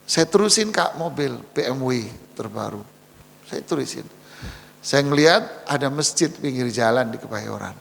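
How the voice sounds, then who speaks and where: A male preacher gives an animated storytelling sermon, voicing the characters in his tale. His voice is gravelly and sits a little high, and his intonation swings widely. A long reverb trails his words through the mosque hall. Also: moderate pace, a little hiss or hum. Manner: animated, acts out the people in his stories. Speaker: Islamic preacher.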